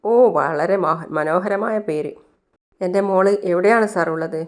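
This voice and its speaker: A woman voices an anxious father longing to find his lost daughter, pleading in short repeated questions. The voice sits fairly low and stumbles over its words. It is a plainly told storybook retelling. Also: unhurried, lightly acted.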